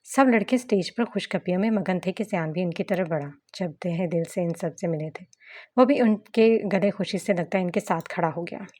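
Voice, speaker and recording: A woman's voice: on the low side, moderate pace. Woman narrating a romance novel. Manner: steady storytelling narration. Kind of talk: reading a romance novel aloud.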